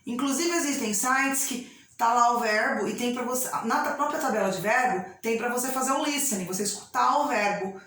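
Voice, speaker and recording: A woman's voice: a little high, fairly quick, a bit bright. A woman with a Brazilian accent teaching English grammar in an online class, explaining step by step and checking in with her students often. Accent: Brazilian Portuguese. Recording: very echoey room.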